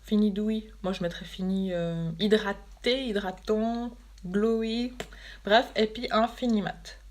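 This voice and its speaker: A woman's voice: medium pitch, steady tone, unhurried. A woman with a Swiss French accent chatting casually while unboxing makeup on a phone livestream, amused and laughing often. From Switzerland. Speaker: beauty vlogger.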